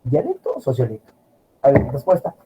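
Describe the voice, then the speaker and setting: A middle-aged man teaching a class, lively and always asking his students questions. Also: medium pitch, fairly quick, a little hiss or hum, rough recording. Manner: animated, asks students constant rhetorical questions. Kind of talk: classroom lecture.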